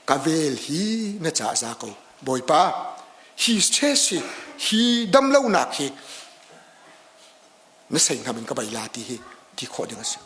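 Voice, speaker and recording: A middle-aged pastor from Chin in Myanmar delivers a sermon with a high-pitched voice. He preaches earnestly and deliberately, then speeds through some stretches. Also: a bit bright.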